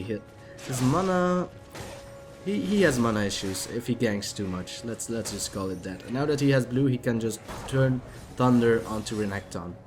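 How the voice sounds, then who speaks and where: A man with a Dutch accent and medium pitch, audibly tipsy, commentates a video game match. He's chatty and rambling, breaking into sudden excited outbursts.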